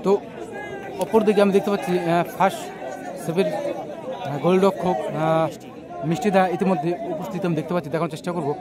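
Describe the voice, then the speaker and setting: A man's voice: high-pitched, fairly even intonation, a little fast, long pauses. A man giving live play-by-play football commentary outdoors, often repeating his phrases. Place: outdoors at a local football ground. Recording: outdoor recording with loud crowd.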